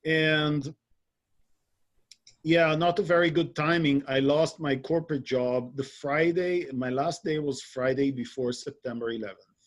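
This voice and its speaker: A man's voice: fairly high pitch, fairly even intonation, measured pace. A middle-aged man from Israel, telling his story with jokey asides in a casual webinar conversation. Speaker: webinar co-host.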